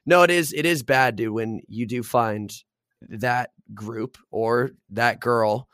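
A man's voice: mid-range voice, takes it slowly, clear, resonant tone, no room sound, clean studio sound. A man hosting a podcast, telling bar stories in casual chat and swearing freely. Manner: swears freely, excitable storytelling. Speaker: podcast host.

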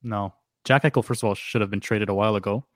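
A man co-hosting a sports podcast in casual chat, sometimes reading text aloud in a flat, measured way. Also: lowish voice, no room sound, studio quality. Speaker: podcast co-host.

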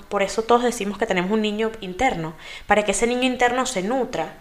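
A woman speaking as a mother, sharing parenting tips in relaxed conversational chat. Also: mid-range voice. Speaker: guest giving parenting tips. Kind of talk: casual talk-show chat.

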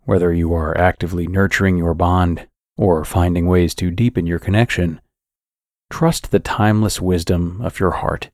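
A man narrating a scripted guided sleep meditation in a calm, soothing, measured sleep-story manner. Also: low-pitched, dry recording, studio quality.

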